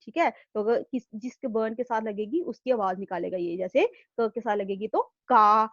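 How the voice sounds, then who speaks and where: Teaching young kids over an online video class from home, this primary school teacher speaks at normal speed with a fairly high pitch. The sound is lo-fi without echo. Patiently, she repeats herself, tacking "thik hai?" onto almost every line.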